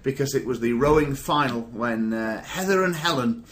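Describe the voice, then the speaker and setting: A man's voice: mid-range voice, expressive, normal speed, a bit bright, slight background noise. A man hosting a business podcast in casual chat, rambling with many fillers. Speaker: podcast host.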